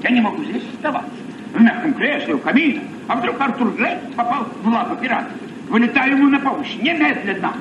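An actor playing an impulsive, boastful adventurer baron in a vintage radio play, declaiming excitedly and theatrically. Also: male voice, very high-pitched, quick pace, far from the mic. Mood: eager, urgent. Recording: muffled old radio recording, echoey, noisy.

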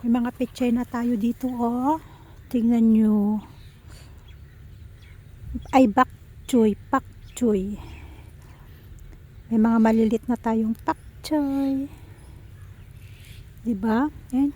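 A woman's voice: fairly high pitch, fairly even intonation, drawn-out words, long pauses, mellow, husky. A woman chatting to her viewers in a casual vlog while walking outdoors and gathering vegetables. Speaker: vlogger. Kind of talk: casual cooking and garden vlog.

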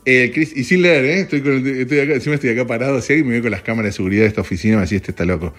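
A man's voice: mid-range voice, very fast. Rambling Argentine guy, joking chat. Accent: Argentine Spanish. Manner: rambling, joking, swears casually, jumps between topics. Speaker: podcast host. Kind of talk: casual voice-note chat. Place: standing in an office.

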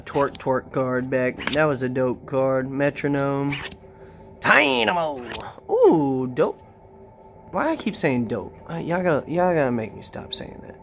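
Excitable slangy card-opening vlogger. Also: medium pitch, a little hiss or hum. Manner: excitable, slangy, addresses viewers directly. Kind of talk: casual unboxing chat.

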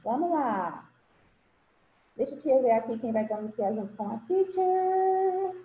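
A woman's voice: sits high, expressive, measured pace, muffled recording, slight background noise. A woman teaching English to young children over a video call, patient and affectionate, often calling them "my love" and checking that everyone is following. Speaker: primary school English teacher. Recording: roomy video-call audio, faint ambience.

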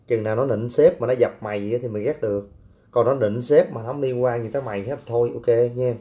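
Brash man, mellow voice. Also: medium pitch, fast. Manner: brash, teasing, coarse banter with blunt street slang. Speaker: livestream host. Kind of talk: casual livestream chat reading viewer comments.

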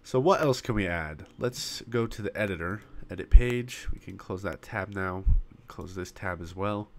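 A web design tutorial host whose voice is going walks through building a website step by step in a casual screen-recorded software walkthrough, pausing often and coughing now and then into a popping desktop mic. His voice sits low with lively intonation, and there is slight background noise.

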